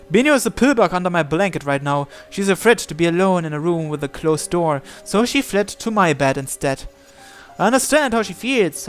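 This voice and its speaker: In a slightly high voice, a man narrates a visual novel in dramatic first person, choosing a deliberate, theatrical delivery with clipped, short phrases.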